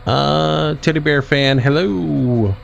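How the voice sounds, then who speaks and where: A man streaming a game and casually answering chat questions in a relaxed, drawling way. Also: mid-range voice, measured pace. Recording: dull lo-fi stream audio with faint vehicle noise.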